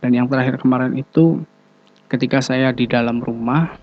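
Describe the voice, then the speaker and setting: A man calmly recounting his own ghost encounters in a casual interview, hesitating often. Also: medium pitch, normal speed. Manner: relaxed, hesitant, many fillers. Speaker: guest telling ghost experiences. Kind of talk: casual storytelling. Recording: dull lo-fi sound.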